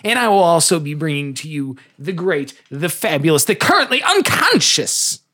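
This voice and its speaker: A man's voice: on the high side, sing-song, normal speed, sharp tone, no echo, clean studio sound. A man narrating a tabletop game as podcast host and dungeon master, in a grandiose, joking, theatrical way.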